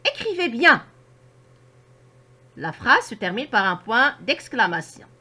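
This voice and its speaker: A woman teacher with a Moroccan French accent, explaining a grammar lesson to children slowly and with careful articulation. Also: medium pitch, animated, pushed and bright. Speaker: primary school teacher.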